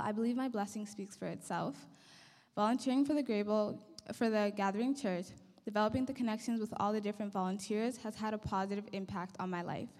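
A woman's voice: mid-range voice, a little mellow. Earnest young woman speaking in a hall. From Somalia. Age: young adult. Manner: earnest and grateful, reading from notes. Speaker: guest speaker. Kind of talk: prepared speech. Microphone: handheld mic. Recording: long hall reverb.

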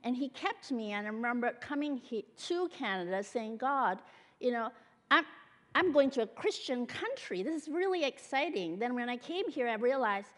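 A woman's voice: fairly high pitch, lively intonation, normal speed. A woman from Malaysia and Singapore giving a conversational sermon with personal testimony as a guest church speaker, earnest and full of fillers. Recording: long hall reverb.

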